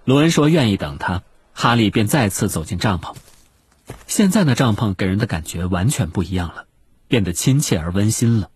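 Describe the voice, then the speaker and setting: A man reads a novel aloud as narrator. His voice sits low. He tells the story expressively, with a lively, varied pitch. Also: a little fast, breathy edge, no room sound. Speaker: audiobook narrator. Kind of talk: scripted narration.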